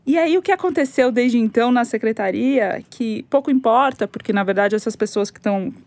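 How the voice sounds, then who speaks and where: A woman journalist speaking on a political podcast panel with a fairly high voice. She talks conversationally about what her sources told her. The sound is dry and close. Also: fairly quick, a little mellow, dry recording. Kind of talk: casual political discussion.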